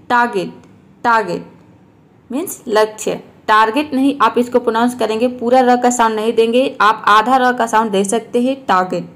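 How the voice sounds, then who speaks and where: A woman teacher explaining words and repeating each one slowly. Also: a little high. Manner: slow, repeats each word to show how it is said. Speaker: English teacher. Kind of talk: explaining lesson.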